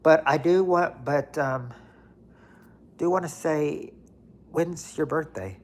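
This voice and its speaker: A man in his late thirties hosts a livestream, chatting casually while reading viewer comments. His voice is on the high side and slow, and he rambles and repeats himself, using lots of fillers.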